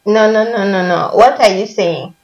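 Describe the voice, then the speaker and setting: A woman's voice: mid-range voice, a little mellow, highs cut off. A woman with a Ghanaian accent, a guest in a playful accent challenge, who argues each pronunciation and laughs her way through the banter. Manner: argumentative, laughing, quick to dispute.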